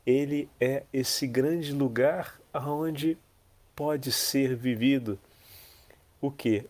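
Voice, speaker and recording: A Brazilian priest giving a devotional meditation, fervent, swelling on key words and dropping to a hushed prayer. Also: male voice, mid-range voice. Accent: Brazilian Portuguese.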